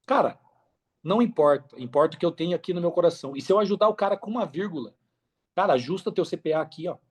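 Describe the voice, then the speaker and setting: A Brazilian man speaks casually and earnestly on a podcast, his voice high-pitched, animated, and fast with a breathy edge. He repeats phrases for emphasis, giving his conversational talk a motivational feel.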